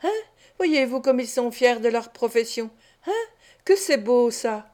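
A woman's voice: a little high, unhurried, darkish tone, close to an everyday voice. A woman reading an audiobook voices a scheming, gleeful old male fence who mocks and cackles. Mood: gloating.

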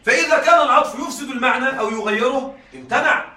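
Male lecturer, high and bright, quizzes the class often, recorded from across an echoey room. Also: recorded from a distance. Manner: keeps checking students follow, repeats key points; reads examples slowly and deliberately. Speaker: teacher.

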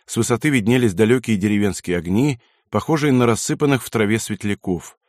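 A man narrating a war novel as an audiobook, reading in a measured, dramatic way. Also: fairly low pitch, no room sound, clean studio sound. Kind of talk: scripted narration.

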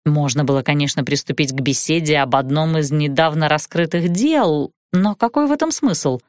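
A woman narrating an audiobook in the first person with an expressive, wry delivery. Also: deep voice, moderate pace, no room sound, studio quality.

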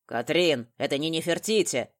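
A woman narrator voicing a menacing male gang boss who barks threats in a lowered voice. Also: a little slow. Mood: threatening. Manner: barking, threatening.

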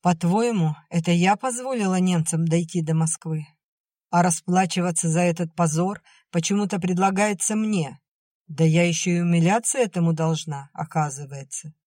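A woman reading the part of a stern, sharp-tongued older sister who scolds and snaps. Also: fairly low pitch, moderate pace, dry recording, clean studio sound, natural voice. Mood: angry. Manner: curt, scolding, irritable.

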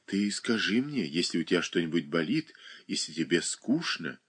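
A reserved young woman answers coolly and with quiet dignity, as a man reads her lines. The voice sits fairly low but bright, with gentle lift. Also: slightly rough, full character voice. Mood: calm. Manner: calm, cool and measured.

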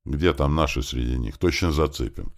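Deep male voice, gravelly, casual first-person narration, varied intonation. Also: animated, normal speed. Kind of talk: audiobook narration.

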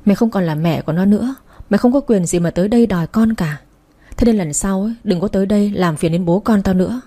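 A woman's voice: mid-range voice, fast talker, warm tone, lightly acted. A woman voicing a harsh young husband who threatens and drives off the mother. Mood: harsh, threatening. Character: brutal scornful young husband.

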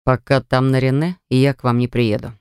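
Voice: medium pitch, level tone, moderate pace, a little mellow, clear, resonant tone, dry recording, studio quality, pitched below the performer's own voice, natural voice. A reader voicing a cold, stern grown son who speaks in a clipped, scolding way, in an audiobook. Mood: icy. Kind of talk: audiobook character voice.

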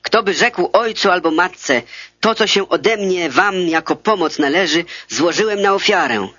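A man reading the words of a calm, authoritative male teacher in a measured, solemn way. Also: high voice, slightly rough, no echo, heavily acted. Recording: dull lo-fi dry recording.

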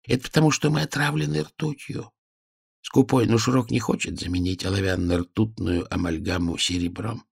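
Man voicing a hushed, weary old worker. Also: on the low side, normal speed, gravelly, husky, dry recording, clean studio sound, full character voice. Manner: quiet, hushed, sorrowful. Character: hunched old male mirror worker, weary.

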